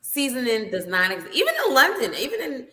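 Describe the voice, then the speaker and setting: A woman chatting casually as a guest, informal and blunt, pausing in the middle of her thoughts. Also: a little high, big pitch swings, sharp tone. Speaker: guest on a live session. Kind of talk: casual chat.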